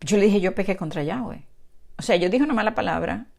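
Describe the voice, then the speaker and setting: Woman preacher, earnest and heartfelt, some gravel in the voice, talking right to the congregation. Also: mid-range voice, animated, fairly quick, a little mellow. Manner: earnest, emotional, addresses listeners directly. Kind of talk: Bible teaching with personal testimony.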